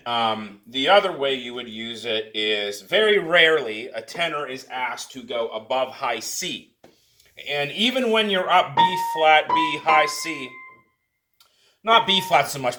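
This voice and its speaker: A man, a tenor, giving a casual spoken singing lesson in a relaxed, halting way with many fillers and restarts. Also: mid-range voice. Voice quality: tenor speaking voice. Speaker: singing teacher.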